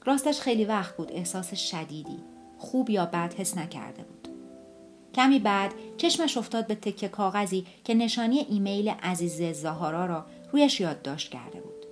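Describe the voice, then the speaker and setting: A woman narrating an audiobook in a steady, measured reading voice. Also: mid-range voice, faint music behind.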